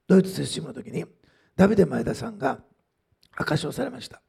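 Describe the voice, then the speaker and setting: Guy preaching a sermon, raspy, gravelly, chatty with lots of asides, mellow dark tone. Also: sits high, very animated, fast. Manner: conversational, frequent "ね" asides, many fillers. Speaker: pastor. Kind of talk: sermon with testimony.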